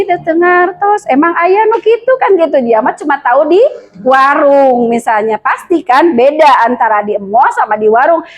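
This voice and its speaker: A woman's voice: high-pitched, rough recording. A woman with a Sundanese accent giving a lecture to a class of mothers, often asking them questions. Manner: lively, addresses the class with frequent questions. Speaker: teacher at a women's school.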